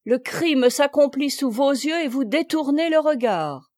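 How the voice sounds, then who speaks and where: A woman reads a stern male country priest in a storybook, fierce and scolding as he preaches. The voice sits high and mellow, close and dry with no room sound. He rages in lofty, moralizing sentences. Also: lively intonation, moderate pace, no room sound. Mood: furious.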